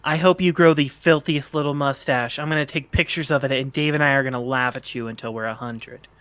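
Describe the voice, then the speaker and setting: A man's voice: mid-range voice, steady tone, fairly quick, a bit bright, dry recording, natural voice. A man voicing a snarky, awkward teenage bird-boy sprite in an amateur fan fiction reading, rambling and stammering in casual slang. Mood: wry teasing. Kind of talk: amateur fan fiction read-aloud, character dialogue.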